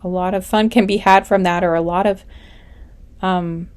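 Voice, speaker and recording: A woman's voice: on the low side, steady tone, moderate pace, clear, resonant tone. A woman with a stuffy, congested nose gives a casual spiritual reading, rambling off on tangents with many hesitations and self-corrections. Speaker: intuitive card reader.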